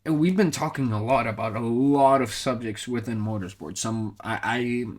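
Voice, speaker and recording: In a casual interview, a man from Colombia who makes motorsport content speaks at a moderate pace in a mid-range voice. He comes across as reflective and thoughtful, often using fillers and restarting his sentences.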